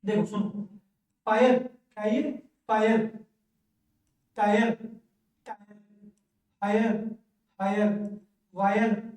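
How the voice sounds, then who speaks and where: A man teaching English pronunciation in a classroom lesson, slowly repeating each word twice for learners to echo. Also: high voice, fairly even intonation, a little mellow. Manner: says each word twice, slow drilling. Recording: very echoey room, voice from far off.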